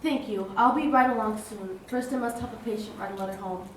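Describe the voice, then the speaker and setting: A woman playing a compassionate, calm and steadfast wartime nurse in a stage play. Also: mid-range voice, brisk, a little hiss or hum, close to an everyday voice. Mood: gentle, caring. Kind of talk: stage musical play dialogue. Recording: very echoey stage, distant mic, loud music.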